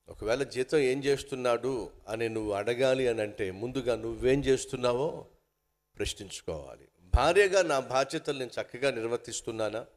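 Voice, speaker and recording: A man from India preaching a sermon. He addresses his listeners as sisters and brothers and acts out angry quarrels in raised voices. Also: medium pitch. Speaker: pastor.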